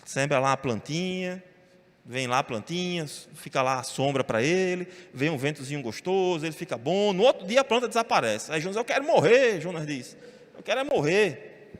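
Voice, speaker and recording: Animated pastor in a reverberant church. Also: male voice, a little high, brisk. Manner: animated storytelling, voicing biblical characters. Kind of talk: sermon. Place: church sanctuary. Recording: long reverb of a church hall.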